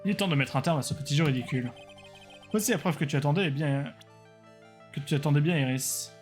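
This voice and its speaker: Man voicing an icy game prosecutor, formal, measured, fairly high voice. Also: faint music behind, lightly acted. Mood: stern. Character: cold, poised male prosecutor, icy and formal.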